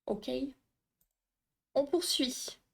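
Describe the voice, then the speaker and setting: A woman hosting a casual livestream, explaining dream science with a quiz, chatty and laughing often while reading chat aloud. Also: drawn-out words. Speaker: livestream host.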